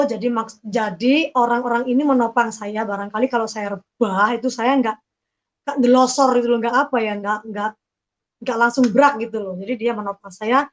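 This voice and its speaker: A woman telling her personal faith testimony, slowly and emotionally, with many halting restarts. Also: sits high, low-quality recording. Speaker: testimony speaker.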